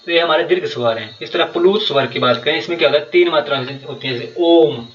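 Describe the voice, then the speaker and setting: A man's voice: fairly high pitch, fast talker, a bit bright, echoey room, distant mic, highs cut off. A man teaching a grammar lesson for exam preparation, explaining step by step and repeating key terms with many fillers. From Himachal Pradesh, India.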